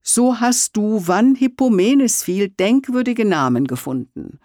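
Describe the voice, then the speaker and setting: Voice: mid-range voice, expressive, measured pace, warm tone, no echo, studio quality, voice pushed up, natural voice. A reader voicing a daring young man courting in a solemn verse recital. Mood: bold. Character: bold young male suitor, daring.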